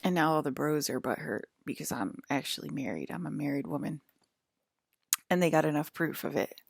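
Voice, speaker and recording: A woman's voice: low-pitched, fairly quick, creaky, slightly rough, no room sound, clean studio sound. A woman in her forties speaking straight to her viewers in a rambling vlog monologue, defiant and scolding, checking in with them after nearly every point. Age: 40s. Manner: talks to viewers with frequent "okay?" and "right?". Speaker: vlogger. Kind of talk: rambling direct-to-camera monologue.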